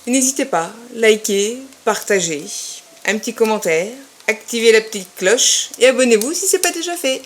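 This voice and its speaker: A woman's voice: fairly high pitch, animated, normal speed. A woman teaching syllables, sounding them out one by one in a patient, careful way. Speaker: French teacher. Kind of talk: slow, careful spoken lesson.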